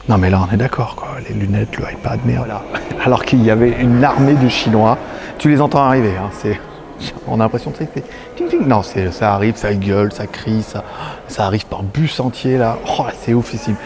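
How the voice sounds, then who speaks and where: A man's voice: on the low side, brisk, gravelly, background noise. A man casually vlogging his way through an exhibition, chatty and loose, with frequent laughs and fillers. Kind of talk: casual vlog commentary. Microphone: handheld camera on a stabilizer.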